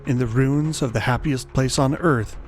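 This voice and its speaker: A man reading a scripted horror story in a measured, dramatic storytelling style. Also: mid-range voice, faint music behind.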